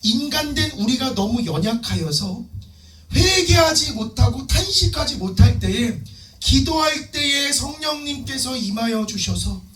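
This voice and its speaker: A fervent male pastor delivers a sermon in a very high, lively voice that rises and falls with emphasis. He sounds distant from the microphone in an echoing church sanctuary, with soft music underneath. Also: measured pace. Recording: echoey room, distant mic, faint music.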